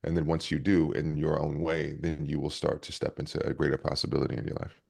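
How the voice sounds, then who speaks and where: A man's voice: rumbling low, level tone, quick pace, gravelly, a little mellow, breathy edge. A man who is a leadership coach and speaker, telling stories energetically in an interview with many restarts. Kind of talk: conversational interview storytelling.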